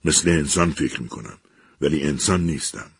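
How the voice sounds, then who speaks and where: A man's voice: a bass voice, gravelly, husky, no room sound, studio quality, full character voice. A man doing a sinister lying machine voice. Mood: menacing. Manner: slow, heavy and harsh. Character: sinister lying talking machine, cold, cruel.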